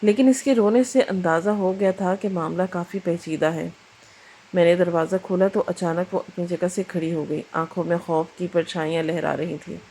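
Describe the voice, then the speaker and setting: A woman narrating a first-person moral story in an even, reflective way. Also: lowish voice, husky, low-quality recording.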